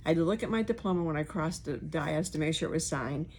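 A woman's voice: sits low, quick pace, a little mellow, slight background noise. A woman podcast host with a speech impediment on her R's and S's, talking candidly and informally in a rambling personal monologue, acting out remarks she quotes.

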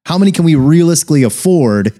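An American co-host in his forties talks comics on a podcast, informal and emphatic in casual conversation. He speaks fast and animatedly, his voice on the high side with a warm tone.

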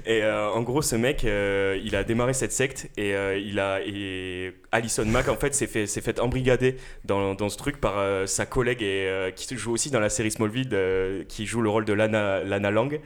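A young man in his twenties chatting casually as a radio co-host, halting and filling gaps with hesitation sounds. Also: lowish voice, steady tone, clear, resonant tone. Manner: halting, with many filler sounds and restarts. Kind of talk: casual chat.

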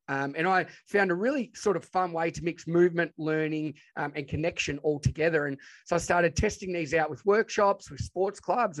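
A man with a broad Australian accent, chatting informally and enthusiastically as he tells stories as an interview guest. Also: on the high side. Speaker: podcast guest, educator and presenter. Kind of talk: casual interview storytelling.

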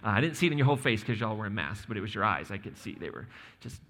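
A man's voice: on the low side, expressive, rapid-fire, a bit bright. An American man preaching as lead pastor in a conversational, joking style, putting questions to his congregation. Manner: informal, joking, asks the audience questions. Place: large church room. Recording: reverberant hall, live preaching.

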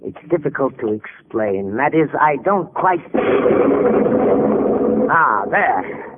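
An actor playing a deranged, grandiose scientist confined in a sanatorium, haughty and theatrical, in a vintage radio drama. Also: male voice, mid-range voice, sing-song, slow pace. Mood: cryptic, ominous. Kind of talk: 1940s radio drama acting. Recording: tinny, hissy vintage radio recording.

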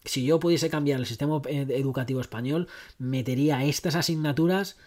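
A man's voice: fairly high pitch, fairly quick, a little mellow. Guy rambling on his podcast, chatty, keeps cutting himself off with asides. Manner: chatty, rambling, self-interrupting with asides and acted quotes. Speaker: podcast host. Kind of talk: casual solo podcast talk.

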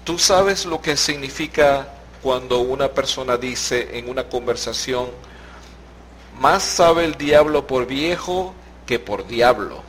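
A Venezuelan man talks through a podcast in an unhurried, patient way. He lays out meanings step by step with examples and laughs easily. A faint noise sits under the recording. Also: mid-range voice, expressive, a bit bright. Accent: Venezuelan Spanish. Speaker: podcast host. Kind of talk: slow explanatory podcast chat.

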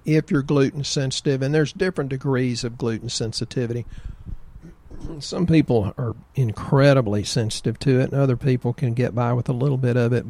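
A man's voice: mid-range voice, vocal fry, darkish tone. A man casually talking about health in a folksy, joking, rambling way. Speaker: health practitioner co-host.

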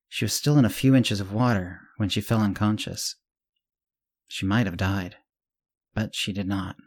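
Man reading a serial story, slightly low. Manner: measured reading with small self-corrections. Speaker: host and narrator. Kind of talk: scripted narration of a serial story.

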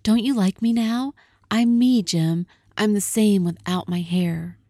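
A woman's voice: mid-range voice, moderate pace, dark tone, dry recording, studio quality, close to an everyday voice. A woman reading a storybook aloud, voicing an anxious, loving young wife with a pleading, breathless manner.

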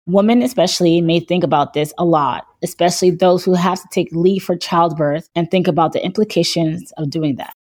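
A woman with a fairly low voice reads a prepared interview question in a measured manner. The recording is close and dry, with no room sound. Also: darkish tone, no room sound. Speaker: medical trainee interviewer. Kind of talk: podcast interview.

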